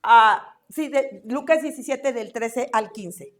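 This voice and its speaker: A woman teaching a church Bible class in a lively way, asking the class questions and acting out quotes. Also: a little high, slow pace. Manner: animated, asks the class questions, acts out quotes.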